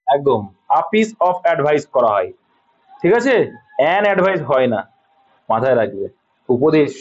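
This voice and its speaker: A man with a Bengali accent teaches an English grammar lesson in class, explaining sentence corrections, patiently repeating points and checking that students follow. His voice is high-pitched and gravelly, and the recording sounds dull and lo-fi.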